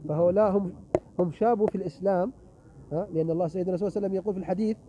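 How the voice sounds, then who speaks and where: A man's voice: high voice, very fast, dark tone. A middle-aged man preaching a sermon with a closing prayer, speaking emphatically and firing rhetorical questions at his audience. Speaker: visiting preacher. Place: religious gathering with an audience. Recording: muffled recording, faint background noise.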